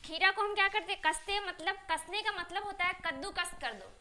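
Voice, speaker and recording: A woman teaching spoken English in Hindi. She keeps asking the class questions and answering them herself, and she slows down to spell out each English phrase. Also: extremely high pitch, sharp tone.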